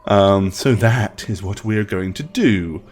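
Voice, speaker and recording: A man narrating as game master of a tabletop game, unhurried and hesitant, often pausing with "um". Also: lowish voice, a little mellow. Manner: unhurried, hesitant with frequent ums.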